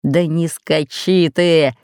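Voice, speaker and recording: Woman playing a bossy fat pirate captain, low and growling, storybook audiobook. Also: normal speed, vocal fry, no echo, clean studio sound. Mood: impatient. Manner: growling, commanding.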